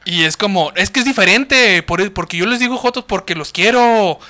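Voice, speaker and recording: A man's voice: high voice, normal speed, bright, forceful tone. A man with a northern Mexican accent chatting casually as a comedy podcast co-host, slangy, sweary and joking. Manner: slangy, profane, joking banter.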